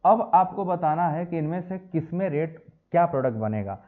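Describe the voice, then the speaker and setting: Animated chemistry teacher, tinny sound. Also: male voice, fairly high pitch, normal speed. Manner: lively, addresses students as beta and bachche; mixes English phrases into explanation. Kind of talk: classroom lecture. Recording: tinny phone-like audio.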